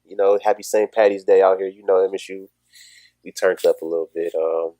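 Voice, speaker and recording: A man's voice: low voice, steady tone, fairly quick, dark tone, no echo. A young man guesting on a podcast, talking in a laid-back, slangy way. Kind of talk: casual chat.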